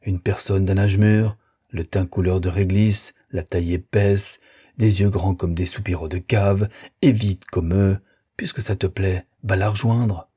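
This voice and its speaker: An emotional young kept woman, brought to life in a classic audiobook by a man reading her part. The voice is husky and dark, set higher than the narrator's own, and it swings from cutting scorn to breathless pleading. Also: fairly even intonation, measured pace, no echo, clean studio sound, full character voice. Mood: scornful. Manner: alternately indignant, mocking and pleading.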